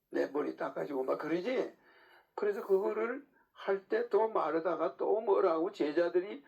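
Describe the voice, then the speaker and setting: A man delivers a sermon in a loose, conversational lecturing style, firing rhetorical questions at his listeners. His voice sits fairly high and has a gravelly rasp. The recording sounds muffled and lo-fi. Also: a little mellow. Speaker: preacher. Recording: dull lo-fi recording.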